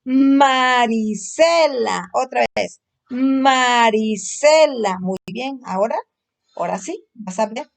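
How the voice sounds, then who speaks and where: A woman giving a phonics lesson to a young child at home, sounding out letters slowly and patiently coaxing the child to repeat. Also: mid-range voice, vocal fry, darkish tone. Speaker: teacher.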